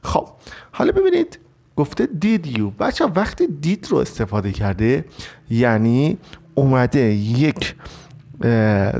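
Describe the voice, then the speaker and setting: A man teaching an English vocabulary lesson, explaining each word step by step and reading the English examples slowly. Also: medium pitch, darkish tone. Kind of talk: recorded online lesson.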